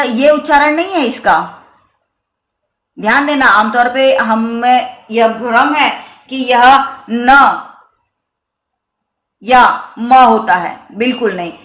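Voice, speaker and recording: A woman teaching a lesson on the written letters, her voice sitting a little high. She talks very slowly and repeats each example with care. The room around her is echoey. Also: fairly bright tone. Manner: slow, careful explaining with repeated examples. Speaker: Hindi teacher. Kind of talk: grammar lesson on the Hindi script.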